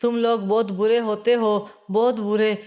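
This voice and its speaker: A woman's voice: medium pitch, level tone, darkish tone, lightly acted. Woman reading an upset young bride.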